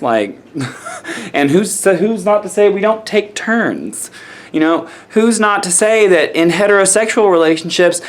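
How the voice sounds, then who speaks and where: A man talking casually to camera as a spiritual vlogger, chatty with laughing, snarky asides. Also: on the high side.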